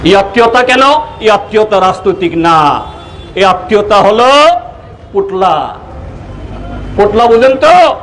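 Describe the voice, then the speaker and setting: A fiery male politician speaks to reporters outdoors, his voice sitting high and climbing to sharp emphatic peaks. He talks slowly and deliberately, and faint traffic hums behind him. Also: lively intonation, poor audio. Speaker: opposition politician. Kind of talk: impassioned press statement. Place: outdoors near a police office.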